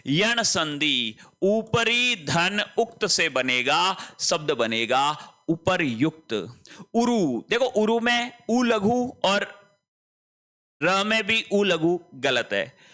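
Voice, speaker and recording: Emphatic, animated male Hindi teacher. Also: high voice. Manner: emphatic, repeats words and asks rhetorical questions. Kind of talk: spelling lesson.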